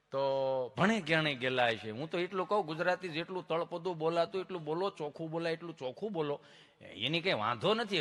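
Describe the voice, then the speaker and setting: Kathiawadi gujarati guy doing stand-up, folksy storytelling, high bright voice. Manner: folksy storytelling, laughs at his own jokes. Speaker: comedian. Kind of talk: stand-up jokes.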